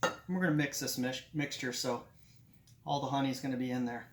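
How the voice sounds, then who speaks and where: A man with a medium pitch and fairly even intonation talks briskly while hosting his own cooking channel video at an outdoor grill, his eyes runny from the smoke. It's a casual how-to vlog, and he stays chatty and upbeat as he walks through each step.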